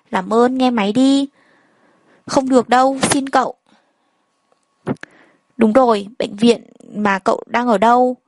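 A woman reads a first-person story aloud in a fairly high voice. She voices every character in much the same plain way. The recording is dry and close, with almost no room sound. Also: no room sound, low-quality recording. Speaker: narrator.

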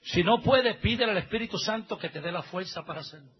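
A man preaching a sermon as pastor at a church service. He is emphatic, swinging between soft asides and loud exhortations. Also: sits high, fast talker, breathy edge, dull audio.

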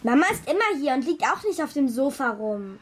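In a children's radio drama, a woman voices a cheeky nine-year-old girl who is hurt and stubborn. Her high, sing-song voice moves fairly quickly, and she sounds direct, reproachful and argumentative.

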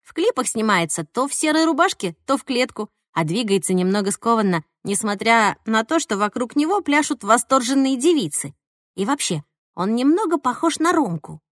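A woman reading a first-person audiobook in an expressive, playful way. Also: a little high, moderate pace, no room sound, clean studio sound. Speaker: audiobook narrator.

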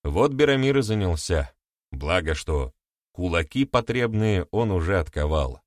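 A man narrating an audiobook in a wry, lively storytelling manner. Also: sits low, a little slow, no echo, clean studio sound. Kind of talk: scripted narration.

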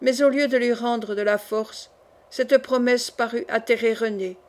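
A woman reads a classic novel aloud in steady, scripted narration. Her voice is fairly high, and the storytelling is even and unhurried. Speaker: audiobook narrator.

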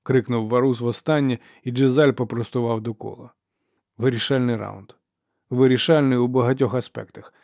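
Measured male audiobook narrator. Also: medium pitch, fairly even intonation, vocal fry, darkish tone, dry recording, studio quality.

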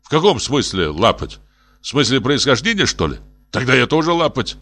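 Man doing a stern official, argumentative, lecturing, animated intonation. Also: mid-range voice, moderate pace, voice pushed up, exaggerated voice. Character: stern, sober-minded male official.

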